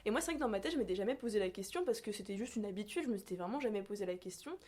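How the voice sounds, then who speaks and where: Talking casually as a podcast guest, a young woman from France speaks rapid-fire in a medium-pitched, darkish voice with lively intonation. She sounds hesitant, filling her speech with fillers as she hunts for words.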